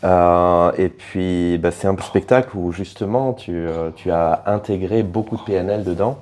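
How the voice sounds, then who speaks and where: Host: man with a lowish voice, friendly and casual, filler-heavy questions. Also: unhurried, darkish tone. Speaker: host and coach. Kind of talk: casual interview hosting.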